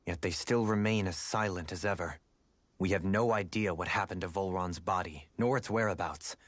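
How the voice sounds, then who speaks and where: A man's voice: sits low, normal speed, dry recording. A man voicing a composed, analytical video game adviser with formal, old-fashioned phrasing. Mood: composed, pensive.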